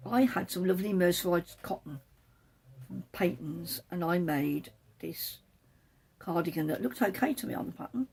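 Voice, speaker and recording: A woman's voice: fairly low pitch, normal speed, vocal fry, a little mellow. A woman hosting a knitting podcast, chatting casually as she shows patterns from a book, rambling and correcting herself as she goes.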